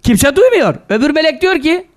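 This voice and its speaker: A man preaching a sermon, animated and scolding, firing rhetorical questions and mixing in quoted Arabic scripture. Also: very high voice, moderate pace. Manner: mixes quoted Arabic scripture into his talk. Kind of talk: sermon to a live gathering.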